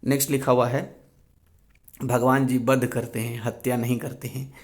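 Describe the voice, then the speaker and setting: A man tutoring for an exam, explaining spelling and grammar answers patiently and slowly repeating the key words. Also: mid-range voice, flat delivery. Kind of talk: exam revision lesson.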